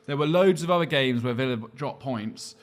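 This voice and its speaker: A young man ranting animatedly as co-host in a football debate chat. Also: mid-range voice. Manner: ranting, animated, quick asides. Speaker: podcast co-host.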